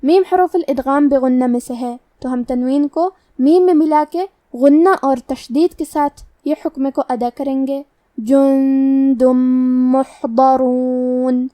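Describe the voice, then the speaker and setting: A woman's voice: sits high, dark tone, dry recording, distant mic. A woman teaching Quran recitation rules step by step, patient and methodical. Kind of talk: tajweed lesson explaining rules.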